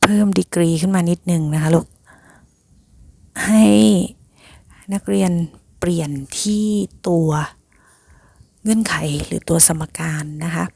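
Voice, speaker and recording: A woman's voice: lowish voice, fairly even intonation, a little slow, creaky, pauses often, warm tone, dry recording. A woman teacher patiently explaining a math lesson to her students, often calling them "child" affectionately.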